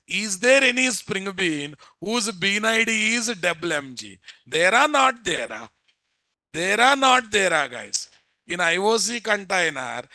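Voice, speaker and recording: A man's bright, forceful, high-pitched voice leads a live coding lecture in an Indian Telugu accent, circling back over phrases and continually testing his listeners with questions. No room sound is present.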